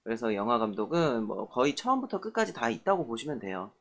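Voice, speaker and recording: A man's voice: mid-range voice, sing-song, a little fast. A man teaching an online lesson about film crews, in a friendly, chatty way with fillers. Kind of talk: online film class lecture.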